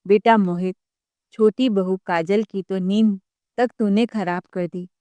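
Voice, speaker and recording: A woman's voice: mid-range voice, fairly even intonation, unhurried, dark tone, dry recording, natural voice. A woman storyteller puts on an older mother-in-law who scolds her sons in a hot, accusing tone. Her voice sits in the middle range and sounds dry and close, with no room around it. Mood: angry scolding.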